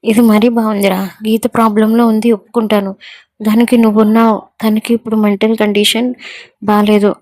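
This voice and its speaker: A woman's voice: mid-range voice, level tone, fairly quick, darkish tone, dry recording, natural voice. A woman voicing a chatty, loyal young male friend in a spoken story. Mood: earnest.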